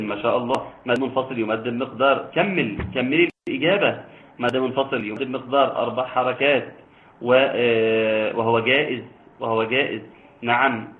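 Man, Egyptian Arabic accent, tajweed teacher, brisk explaining, slow chanting recitation, middle pitch, tinny phone-line sound. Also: slight background noise. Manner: explains quickly, then recites slowly in a chanting voice. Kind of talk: online tajweed lesson with students.

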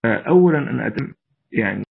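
Egyptian male preacher, earnest exhorting delivery, husky and strained, lo-fi phone-line quality. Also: medium pitch, expressive, fast talker. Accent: Egyptian Arabic. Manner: mixes formal Arabic with colloquial, earnest and exhorting. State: straining to raise a weak voice. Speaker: preacher answering questions. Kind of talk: religious lesson with Q&A. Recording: tinny phone-like audio.

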